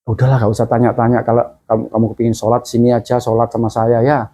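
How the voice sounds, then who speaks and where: A man voicing a kindly, gently amused older woman who teaches Quran reading, with a husky, mellow voice. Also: medium pitch, completely flat delivery, fast talker, natural voice. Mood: amused, gentle.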